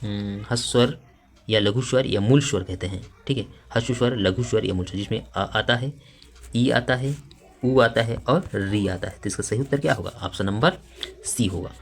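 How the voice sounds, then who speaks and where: A man's voice: on the low side, normal speed, gravelly. A man teaching a grammar lesson for exam preparation, reading out each question and its options and explaining them step by step with frequent fillers.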